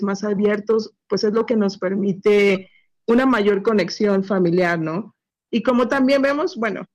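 A woman, a mother speaking earnestly and thoughtfully in a women's group, often pausing to search for her words. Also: medium pitch, darkish tone. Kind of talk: reflective group sharing.

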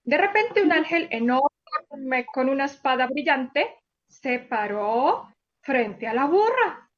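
High-voiced lady teacher telling kids a story, slow, lively, asks them stuff, muffled recording. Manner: animated, exclamatory, asks children questions. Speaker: teacher of children. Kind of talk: storytelling to children.

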